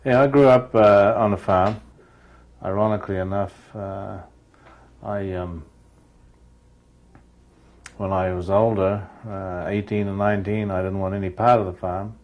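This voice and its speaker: A man's voice: on the low side, fairly even intonation, measured pace, long pauses, darkish tone, muffled recording. Hesitant man. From New Zealand. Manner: hesitant, with many fillers. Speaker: interviewee. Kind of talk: candid interview recollection.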